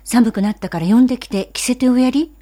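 A woman voicing a calm, firm mother in a storybook reading, speaking in a composed, polite way. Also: a little high, fast, voice pushed up, natural voice. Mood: concerned.

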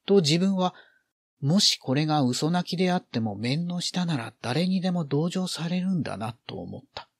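A man's voice: a little high, expressive, normal speed, vocal fry, no echo, studio quality. A man reading a literary story aloud, expressively acting out the feelings in the narration.

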